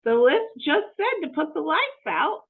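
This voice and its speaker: A woman's voice: high-pitched, sing-song, a little slow, voice pushed up, full character voice. A woman voicing a cheerful, literal-minded housekeeper in a storybook, earnest and innocently helpful. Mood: earnest, pleased. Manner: earnest, chirpy, matter-of-fact. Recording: muffled narrow phone-like audio.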